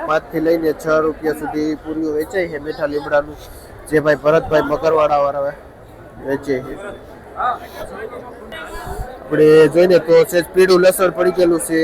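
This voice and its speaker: Amid the crowd chatter and passing vehicles of a busy outdoor vegetable market, a vlogger with a Saurashtra Gujarati accent and a higher-pitched voice gives repetitive, matter-of-fact commentary on produce prices. He occasionally asks vendors short questions on the spot, and the audio quality is poor.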